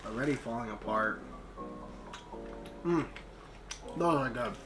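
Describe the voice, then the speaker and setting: A woman's voice: a bass voice, slow pace, over music. A woman in her twenties giving short, casual remarks while eating sour candy. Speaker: vlog co-host taste-testing candy. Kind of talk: casual chat. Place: small bedroom, indoors.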